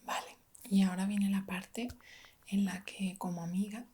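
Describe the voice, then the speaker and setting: A woman from giving a whispered ASMR pep talk in a breathy, gentle, reassuring way, like a friend talking to you. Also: mid-range voice, level tone, normal speed. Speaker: ASMR video creator.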